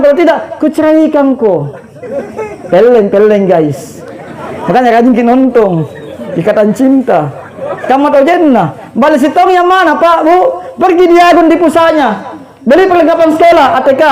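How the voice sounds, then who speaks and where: A man's voice: extremely high pitch, darkish tone, poor audio. A man, giving a humorous condolence sermon and often turning to the audience with jokes. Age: 30s. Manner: joking, chatty, addresses the audience directly, laughs at his own stories. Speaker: preacher.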